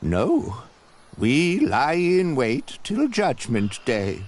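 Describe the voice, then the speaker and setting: An actor playing an elderly, gentle male monk who speaks earnestly, in video game voice acting. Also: fairly high pitch, exaggerated voice. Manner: slow, earnest.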